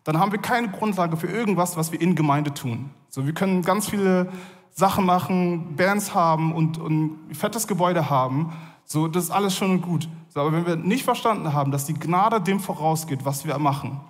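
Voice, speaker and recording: A man giving a sermon in a casual, conversational way, often pausing with fillers. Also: fairly high pitch, in a large hall. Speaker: preacher.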